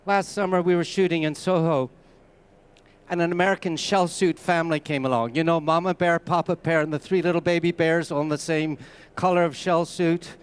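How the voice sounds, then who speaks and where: A man's voice: high-pitched, clear, resonant tone. A man giving a conference masterclass, telling anecdotes and speaking straight to the audience. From Canada. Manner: anecdotal, conversational, addresses the audience directly. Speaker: masterclass presenter. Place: conference stage before a live audience.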